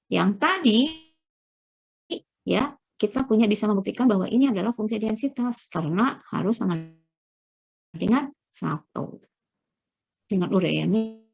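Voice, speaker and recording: A middle-aged woman lecturing through slides, explaining step by step with frequent checking pauses and searching fillers. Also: mid-range voice, creaky.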